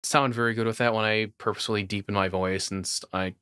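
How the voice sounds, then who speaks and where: A man's voice: on the low side, fairly even intonation, fast, sharp tone, smooth, no room sound, studio quality. A man co-hosting a podcast, chatting casually and opinionated about audio gear. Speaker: podcast co-host.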